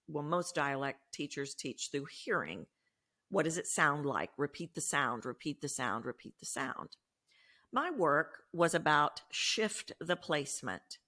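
A low-pitched Texan woman, a voice coach, is the guest on a podcast interview. She explains what she does in an emphatic, animated way, her Texan accent clear throughout.

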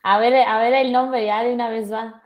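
A woman co-hosting a podcast, enthusiastic and quick to react. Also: on the high side, fairly even intonation, dull audio. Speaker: podcast co-host. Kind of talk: casual conversation.

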